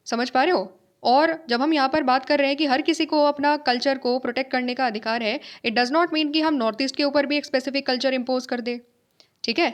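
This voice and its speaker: A woman's voice: high-pitched, brisk. A woman teacher giving a lecture, asking and answering her own questions, repeating key points and checking that her students follow. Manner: mixes in English phrases, checks understanding with tag questions. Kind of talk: classroom lecture.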